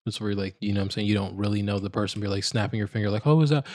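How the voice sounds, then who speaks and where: A man's voice: fairly low pitch, racing, a little mellow. A man co-hosting a podcast, bantering casually in a laid-back, teasing, slangy way. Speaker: podcast co-host. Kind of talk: casual banter about fashion and basketball.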